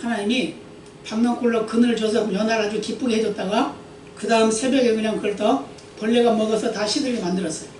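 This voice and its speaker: Korean pastor preaching in an echoey church. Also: male voice, sits high, fairly even intonation, fast, darkish tone, slight background noise. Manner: asks the congregation rhetorical questions. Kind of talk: sermon with scripture reading. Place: church sanctuary. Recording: echoey church hall, mic at a distance.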